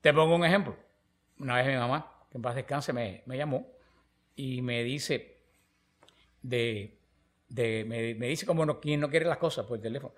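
Speaking at a moderate pace with long pauses, a preacher with a mid-range voice teaches on the Bible conversationally. His storytelling is animated, and he acts out the quoted dialogue.

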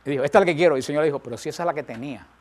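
A man's voice: a little high, very fast. A man preaching a sermon, emphatic, rising and falling, repeating phrases for stress.

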